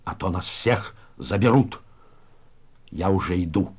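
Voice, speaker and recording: A man voicing a nervous but fierce prison elder with Yiddish-flavoured speech, urging hushed and commanding in sharp cries. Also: animated, measured pace, breathy edge, exaggerated voice. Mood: hushed urgent. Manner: hushed and urgent, then shrill commanding shouts.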